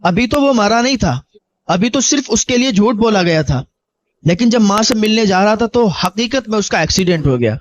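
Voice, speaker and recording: A man's voice: sits high, lively intonation, muffled recording. A man preaching a sermon, telling a moral story earnestly and exhorting his listeners. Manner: earnest, exhorting, acts out dialogue. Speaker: Islamic preacher.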